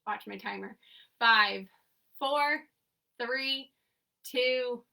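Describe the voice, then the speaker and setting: Here the same kind of home-based remote class is led by a young woman who counts reps out loud and gives brief, cheerful coaching. She talks very slowly with a fairly high voice, some vocal fry and a sharp tone, and she's recorded far from the microphone.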